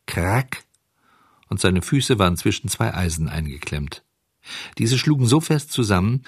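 A man with a fairly low voice reads a children's story aloud, slow and measured with expressive shaping. The sound is dry and close, with no room echo. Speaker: narrator. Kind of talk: scripted storybook narration.

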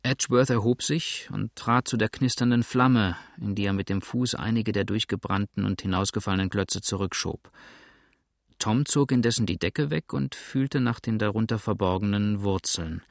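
A man narrating an adventure story as an audiobook reader, with steady, even storytelling. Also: lowish voice, moderate pace, vocal fry, no echo, clean studio sound. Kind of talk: scripted narration.

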